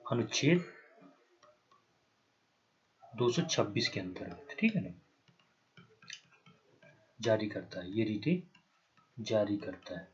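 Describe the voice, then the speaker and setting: Sing-song and husky, his lowish voice moves a little slowly, with long pauses. This Hindi-accented exam-prep teacher lectures at the board, spelling each term letter by letter and frequently checking "ठीक है ना", captured on a dull, lo-fi recording.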